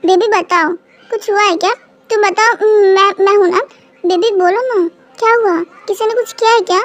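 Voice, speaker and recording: A high-voiced reader doing a gushing young male professor. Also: steady tone, moderate pace, a bit bright. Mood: coaxing. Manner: gushing, affectionate. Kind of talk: fan-dub audio drama.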